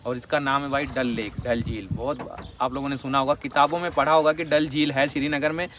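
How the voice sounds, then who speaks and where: A man's voice: medium pitch, fairly even intonation, brisk, a bit bright. Male travel vlogger, chatty and friendly, filming himself outdoors on a lake boat with a handheld camera, faint background noise. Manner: chatty, keeps calling the viewer "bhai". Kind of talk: casual travel vlog.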